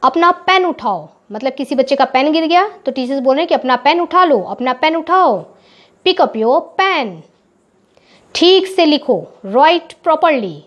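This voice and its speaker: High-voiced teacher, slow English phrases. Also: female voice, lively intonation, fairly bright tone. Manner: explains in Hindi, says English phrases slowly and clearly. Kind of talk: spoken English lesson for children. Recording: dull, lo-fi recording.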